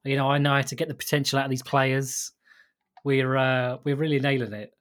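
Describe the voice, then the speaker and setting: A man's voice: medium pitch, flat delivery, fairly quick, a bit bright. A man from England chatting casually on a podcast, rambling with lots of fillers and frequent laughs. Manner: rambling, laughs often, many fillers and restarts. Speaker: podcast co-host. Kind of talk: casual chat.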